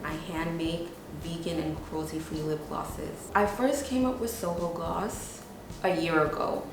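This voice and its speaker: A young woman, speaking in a slightly low voice. She tells how she started her business in a documentary interview, casual and chatty, with plenty of "like" and "you know". The recording sits in a very echoey room. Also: background noise. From New York, USA. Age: 20s.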